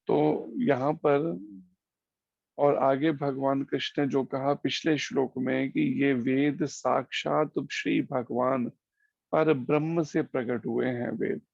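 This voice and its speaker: A man giving a slow, explanatory devotional scripture class over an online call, using homely examples. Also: mid-range voice, fairly even intonation, vocal fry, a little mellow, no echo, dull audio. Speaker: preacher.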